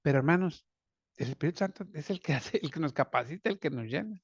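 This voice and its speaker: A man's voice: on the high side, lively intonation, fast talker, husky, dry recording. A man preaching a sermon as pastor, calling listeners brothers and asking them rhetorical questions. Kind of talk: sermon on a Bible lesson. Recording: dull, dry lo-fi sound.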